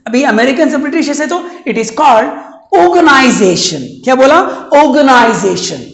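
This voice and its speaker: High-voiced Indian man teaching English. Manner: drills words and has students repeat them; slows down sharply for English phrases. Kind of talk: spoken English lesson. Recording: roomy echo.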